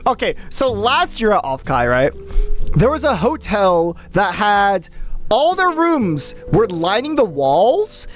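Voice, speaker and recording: A streamer chatting casually with viewers, rambling and excitable, full of fillers and swearing. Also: mid-range voice, slow, faint music behind. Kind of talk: casual live-stream chat.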